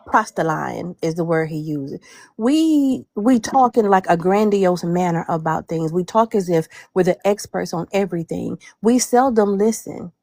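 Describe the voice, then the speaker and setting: A woman on a panel gives a measured opinion, stressing words by repeating them. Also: lowish voice, vocal fry, a little mellow, no echo. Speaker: panel guest. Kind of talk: casual panel discussion.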